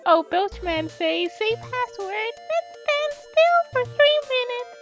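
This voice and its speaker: A performer voicing a tiny odd creature who runs a shop, speaking in squeaky, broken, giggly phrases over game music. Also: sing-song, slow pace, fairly bright tone, heavily acted.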